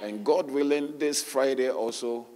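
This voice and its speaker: A pastor with a hoarse voice, leading a loud, fervent prayer and then giving church announcements in a sermon. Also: male voice, mid-range voice, measured pace, a little hiss or hum.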